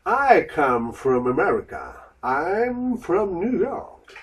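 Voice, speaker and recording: A man slowly and carefully repeating lines for a language lesson. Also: high-pitched, big pitch swings, recorded from a distance, rough recording. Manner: slow, careful, repetitive. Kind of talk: slow repeat-after-me drills.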